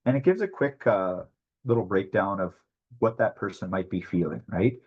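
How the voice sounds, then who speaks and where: Husky man giving a quick webinar talk. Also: sits low, lively intonation, dull audio. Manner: fast, repeats "right?" often. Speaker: webinar presenter on mental health. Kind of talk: conversational teaching talk.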